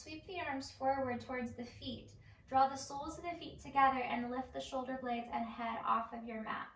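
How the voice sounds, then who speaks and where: A middle-aged woman teaching a guided yoga class in a slow, measured, calming manner. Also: sits high, vocal fry, slight background noise. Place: indoor home room, on a mat. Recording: roomy, distant microphone.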